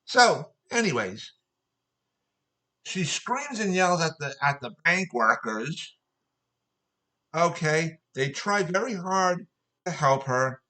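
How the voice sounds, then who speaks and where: Man, angry monologue, lots of swearing, bright tense voice, a little high. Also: big pitch swings, slow, long pauses, poor audio. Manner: profane, exasperated, repetitive storytelling. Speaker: vlogger.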